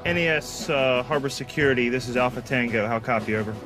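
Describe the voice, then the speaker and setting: A man speaks through a two-way marine radio, his voice coloured by the radio link. He keeps to clipped procedure talk with call signs. Music plays underneath at a clear level. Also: medium pitch, fast.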